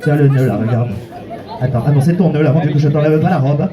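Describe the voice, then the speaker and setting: A man's voice: fairly high pitch, fast. A man running a comic street show, teasing his volunteers playfully, counting them in and coaxing the crowd to applaud. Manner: teasing, playful, calls volunteers "mon cœur". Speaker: street performer leading audience volunteers. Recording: open-air recording with a noisy crowd around.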